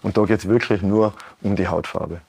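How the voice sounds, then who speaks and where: Man, late thirties, Tyrolean accent, slightly low pitch, measured and earnest. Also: fairly even intonation, creaky, darkish tone, slightly rough. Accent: Tyrolean Austrian German. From Tyrol, Austria. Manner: earnest, measured, many fillers and restarts. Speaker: guest, Anne Frank House educator. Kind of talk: broadcast interview.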